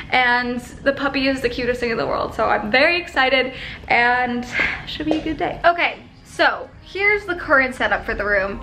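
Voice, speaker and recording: A woman's voice: on the high side, pushed and bright, a little hiss or hum, rough recording. A young woman chatting casually in a home vlog, bubbly and full of filler words. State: out of breath. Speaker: vlogger. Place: her bedroom at home.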